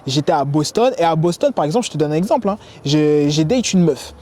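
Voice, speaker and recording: Young male vlogger with a high, warm voice. Slangy, spontaneous, energetic delivery. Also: fairly quick. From United States. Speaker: dating advice vlogger. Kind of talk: casual advice to camera. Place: sports complex.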